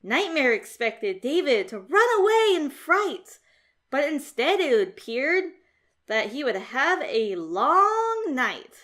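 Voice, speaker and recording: Reading a rhyming picture book for children, the female narrator's voice sits high. Her delivery is theatrical and expressive yet measured.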